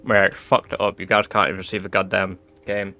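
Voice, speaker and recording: A man's voice: low voice, little pitch movement, moderate pace, bright, forceful tone. A man livestreaming a game in casual, sweary chat, saying w for r. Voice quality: cannot pronounce R's, says w for r. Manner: informal, sweary.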